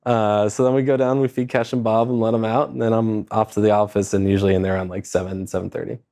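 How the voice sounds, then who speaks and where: Man, 30s, from San Diego, lowish voice, laid-back guest chat, lots of fillers. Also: quick pace. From San Diego, California. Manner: relaxed, laid-back, with frequent "uh" and "um". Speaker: guest, private lender. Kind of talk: casual interview chat.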